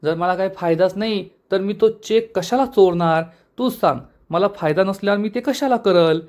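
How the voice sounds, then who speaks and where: A man's voice: high-pitched, a little mellow, voice pushed up, lightly acted. A man putting on a taunting scheming young wife. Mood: indignant. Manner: taunting, fast mocking delivery.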